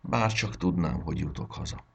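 A man voicing an earnest young boy in a children's storybook, speaking softly and a little higher than his narration. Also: gravelly, husky, heavily acted. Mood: sad.

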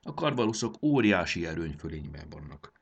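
A man's voice: low voice, sing-song, gravelly, breathy edge, dull audio, heavily acted. A man voicing an anxious, fearful creature with a worried, trembling way of talking in an audiobook. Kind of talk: audiobook character voice.

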